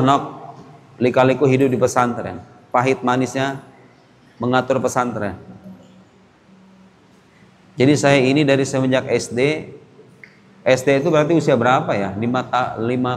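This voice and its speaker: A young man's steady, medium-pitched voice carries a long reverb tail and a little hiss or hum as he teaches a religious lesson in a mosque. Addressing boarding school students directly, he acts out parents and children using quick little voices.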